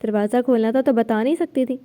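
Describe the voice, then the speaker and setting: A woman's voice: fairly high pitch, dark tone, natural voice. A woman voicing an angry, domineering young husband who threatens and bites off his words, in a storybook reading.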